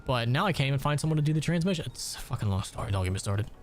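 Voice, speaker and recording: A man's voice: medium pitch, lively intonation, racing, soft background music. A man in his late twenties from Ohio, chatting casually and profanely while gaming on a stream. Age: late 20s. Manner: rambling, profane storytelling.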